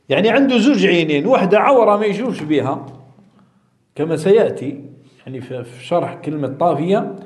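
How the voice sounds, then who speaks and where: Maghrebi sheikh explaining hadith, high voice, swoops up and down, keeps repeating and quizzing the class. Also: male voice, a little mellow. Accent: Maghrebi Arabic. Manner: repeats key words, drawn-out emphasis, asks the audience questions. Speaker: Islamic teacher explaining hadith. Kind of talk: religious lesson commentary. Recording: echoey room.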